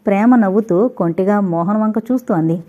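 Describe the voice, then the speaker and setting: A woman narrating a novel aloud in a steady, gentle reading voice. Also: mid-range voice, a little fast. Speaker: audiobook narrator. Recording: tinny, phone-like recording.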